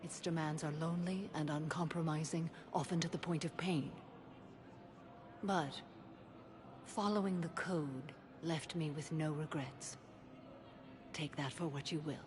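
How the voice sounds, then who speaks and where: An actress playing a stoic alien warrior matriarch in a video game, formal, measured and solemn. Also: female voice, sits low, steady tone. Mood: stern, resolute. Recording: clear background ambience noise.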